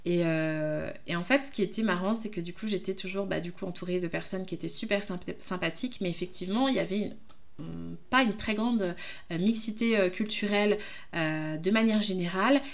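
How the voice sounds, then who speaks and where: A woman from France hosts her own podcast, talking in a casual, reflective monologue. Her voice sits a little low for a woman. She pauses often as she gathers her thoughts. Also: creaky. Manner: reflective, hesitant, many pauses. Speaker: podcast host, jurist.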